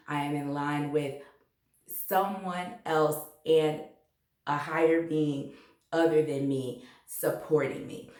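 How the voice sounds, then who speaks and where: Earnest female health educator, low-pitched and unhurried, roomy sound. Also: darkish tone. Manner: slow, earnest, faith-filled. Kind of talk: motivational health talk.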